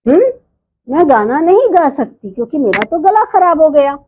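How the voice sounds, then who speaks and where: A woman's voice: high voice, big pitch swings, moderate pace, dark tone, highs cut off, slight background noise. A teacher doing a little schoolgirl, insisting. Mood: sorry. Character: young schoolgirl, stubborn then sorry.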